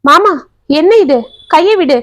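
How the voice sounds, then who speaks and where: A woman's voice: extremely high pitch, unhurried, no echo, pitched above the performer's own voice. A woman voicing a sorrowful young woman who holds back her grief. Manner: soft, tearful.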